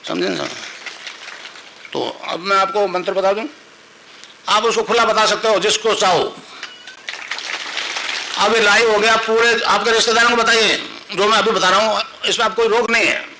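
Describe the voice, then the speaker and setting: A man with a high, bright voice leads a devotional discourse. He teaches in an instructive tone, tells stories and chants a short mantra for his listeners to repeat. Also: fairly even intonation, moderate pace, pauses often, a little hiss or hum, poor audio. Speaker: spiritual teacher.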